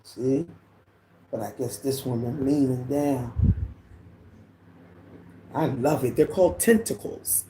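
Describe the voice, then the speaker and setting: A woman with a deep voice, based in the Caribbean, hosts a relaxed livestream where she welcomes viewers by name, reads out their comments, and slips into preachy tangents. Her delivery is slow with frequent pauses, and there's background noise.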